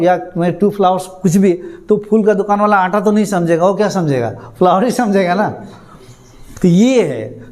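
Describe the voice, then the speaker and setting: High-voiced man teaching English. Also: a little mellow. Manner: repeats words, asks students questions, chuckles. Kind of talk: classroom lesson. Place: classroom.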